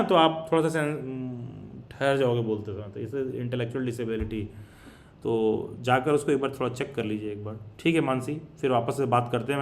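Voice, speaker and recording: सीधी बात करता एक आदमी, थोड़ी ऊँची आवाज़. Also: male voice, on the high side. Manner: earnest, mixes Hindi with English phrases. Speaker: B.Ed. admission counsellor. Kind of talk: live online counselling session.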